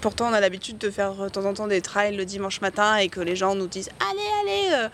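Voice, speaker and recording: A woman, a nurse, speaking in a relaxed, hesitant way in an interview. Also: mid-range voice, fast, a little hiss or hum. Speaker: nurse, race participant. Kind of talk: casual interview. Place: outdoors in Cambodia.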